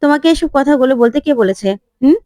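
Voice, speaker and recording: Casting: woman playing a protective middle-aged mother, firm and warm-hearted. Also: sits high, fast talker, dry recording, studio quality, close to an everyday voice.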